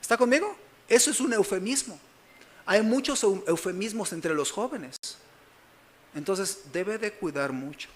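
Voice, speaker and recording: This man, a pastor from Mexico City with a Mexican Spanish accent, delivers a sermon and keeps asking the congregation if they follow him. His high voice is animated yet unhurried.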